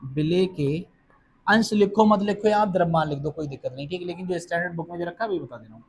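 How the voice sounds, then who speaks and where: A man's voice: sits high, fast talker, slight background noise. A male chemistry teacher with a Hindi accent lecturing a class. He keeps asking questions and answering them himself, and reassures students that it is not hard.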